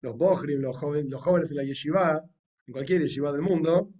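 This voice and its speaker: An Argentine rabbi leads a relaxed Torah class, explaining texts in a chatty voice pitched a little high and breaking into wry, joking asides. His voice sounds a little far from the microphone. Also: brisk. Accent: Argentine Spanish. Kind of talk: casual explanatory Torah lesson.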